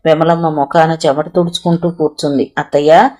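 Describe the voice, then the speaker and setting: A narrator reading a novel aloud in a steady, even manner, voicing every character. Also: mid-range voice, moderate pace.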